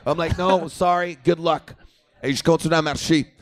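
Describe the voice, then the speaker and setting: A man's voice: a little high, steady tone, moderate pace. A man comedian with a Quebec French accent telling a story in a casual talk, switching into English and swearing freely.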